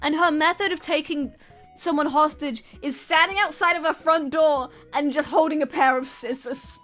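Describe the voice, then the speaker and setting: A woman streamer chattering rapidly and nonstop, retelling a story in an animated, exasperated and dramatic way. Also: high-pitched, faint music behind. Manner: exasperated, incredulous, dramatic retelling with acted-out quotes. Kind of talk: animated rambling storytelling to an audience.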